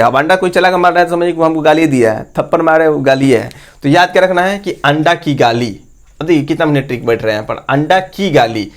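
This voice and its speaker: A male teacher runs an exam-prep lesson in a fairly high voice. He keeps quizzing his listeners with the same questions and then answers them himself.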